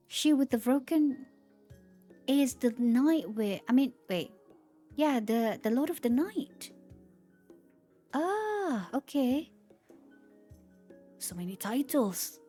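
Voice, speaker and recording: A woman's voice: a little high, mellow. A woman streamer reading game lore aloud, stumbling over words and breaking off to react.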